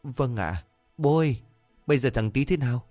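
A man's voice: medium pitch, expressive, moderate pace, darkish tone, no echo, faint music behind, pitched above the performer's own voice, natural voice. A man voicing a timid, curious young village boy who asks frightened, pleading questions. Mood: anxious.

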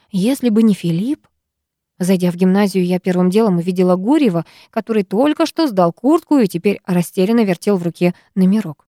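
Female audiobook narrator, first-person, measured and expressive, warm timbre. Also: medium pitch, no echo, clean studio sound.

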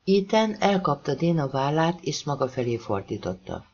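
A man reading a thriller novel aloud as an audiobook narrator, pacing it with tense pauses. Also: fairly high pitch, big pitch swings, a little mellow, dull audio, slight background noise.

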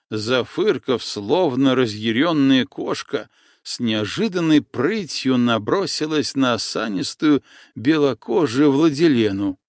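A man narrating an audiobook in an expressive storytelling manner. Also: medium pitch, dry recording, clean studio sound. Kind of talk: audiobook reading.

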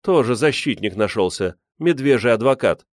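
A man voicing a scolding, sharp-tongued older woman who is quick to threaten. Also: mid-range voice, animated, dry recording, pitched above the performer's own voice, lightly acted.

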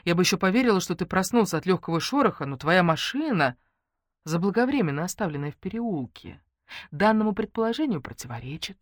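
A woman's voice: fairly low pitch, fast, dry recording, clean studio sound. A woman narrating a humorous novel in first person, reading expressively and putting on voices for the characters. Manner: lively, character-voicing, ironic. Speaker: audiobook narrator.

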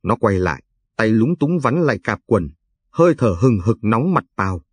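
A man reads a story aloud in a steady, measured way. His voice is low and a little husky. The recording is close and dry, with no room sound. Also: no echo. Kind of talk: scripted storybook narration.

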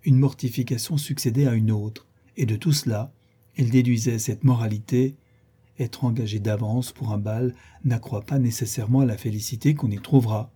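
A man reading a classic novel aloud as an audiobook, measured and even. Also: mid-range voice, slightly rough. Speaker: audiobook reader. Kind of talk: scripted narration of a classic novel.

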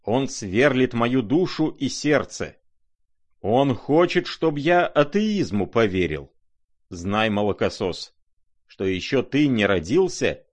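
A man voicing a raging, pompous old retired general in a novel reading. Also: on the low side. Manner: thundering, wounded pomp.

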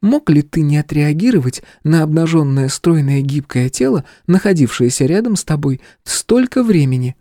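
A man reading an audiobook voices a calm, playful young princess who gently mocks. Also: on the high side, moderate pace, hardly any pauses, no room sound, clean studio sound, voice pushed up.

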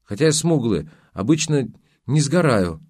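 A man reading an audiobook, voicing a spoiled, defiant young woman in a raised girlish pitch. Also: very animated, measured pace, a little mellow, no echo. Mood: petulant, defiant. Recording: dry close studio sound.

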